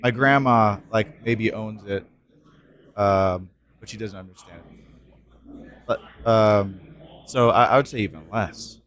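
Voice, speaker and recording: A man's voice: on the low side, takes it slowly, pauses often, fairly bright tone. A man co-hosting a casual podcast, talking loosely with many fillers and restarts. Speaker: podcast co-host.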